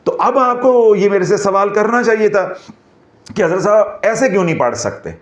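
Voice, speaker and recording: A man giving a devotional lecture as a spiritual teacher, animated and mixing in humor. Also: sits high, normal speed, roomy sound. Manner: animated, mixes in Punjabi phrases and humor.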